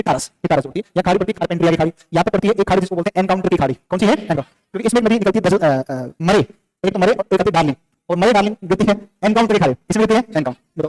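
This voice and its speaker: A male teacher with a high-pitched, darkish voice delivers a classroom lecture, firing off questions and answering them himself. He drills facts through this repeated back-and-forth, scolding and joking with the students in between.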